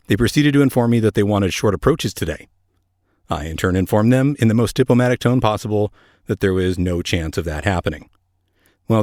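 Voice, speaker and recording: A man who works as an air traffic controller narrates as a podcast host in a fairly low, darkish voice. His delivery is scripted but conversational, sprinkled with wry little asides. The sound is very dry, with no room echo.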